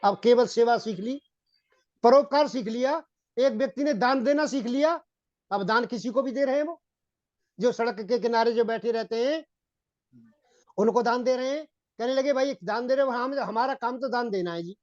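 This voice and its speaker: A man giving a Hindi-accented sermon on Vedic philosophy, repeating phrases and often addressing his listeners as gentlemen. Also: very high voice, moderate pace, no room sound. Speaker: Vedic preacher. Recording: dull, dry lo-fi recording.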